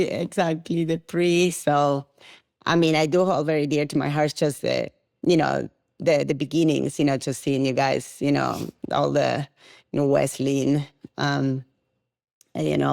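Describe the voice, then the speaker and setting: A woman's voice: low voice, fairly even intonation, a little slow, vocal fry, a little mellow, no echo, clean studio sound. Argentine woman chatting with easy laughs. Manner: laughs often, lots of "you know" fillers. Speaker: guest, tango studio founder. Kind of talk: casual podcast interview.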